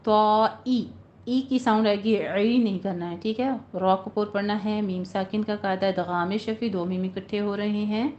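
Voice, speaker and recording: A woman gives a Quran recitation lesson. She chants each verse slowly and carefully, then explains the rules in quick, plain speech. The recording is dull and lo-fi, with a faint hiss behind her voice. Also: mid-range voice, fairly even intonation, darkish tone. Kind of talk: tajweed lesson with slow recitation.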